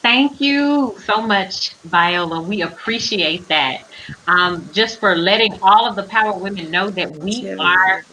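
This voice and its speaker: Bright, affirming woman host. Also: medium pitch, unhurried, low-quality recording. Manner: affirming, repeats phrases for emphasis. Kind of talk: live-stream hosting.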